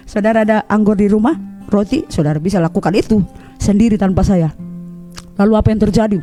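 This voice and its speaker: A woman evangelist, preaching a sermon in a church service and telling her story with lively, animated delivery while often calling out to her listeners. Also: mid-range voice, a little fast, soft background music. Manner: animated storytelling, keeps addressing listeners as brothers and sisters.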